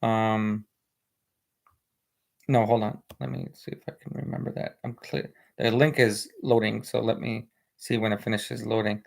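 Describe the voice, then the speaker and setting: On a live stream, a United States man with an American accent and Spanish as his first language chats casually, rambling, full of fillers, and reading viewer comments. His voice is on the low side with little pitch movement, vocal fry, and a normal speed.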